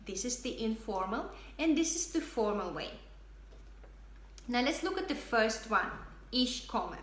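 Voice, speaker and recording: A woman from Germany with a German accent, teaching basic German phrases in English and repeating each word slowly for learners. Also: fairly high pitch, animated, a bit bright. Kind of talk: slow, clearly spoken language lesson. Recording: echoey room with faint background noise.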